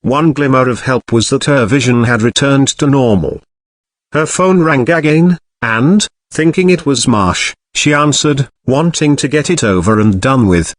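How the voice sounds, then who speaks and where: A man narrating a crime novel audiobook in a measured, expressive storytelling manner on a close mic. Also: medium pitch, dry recording.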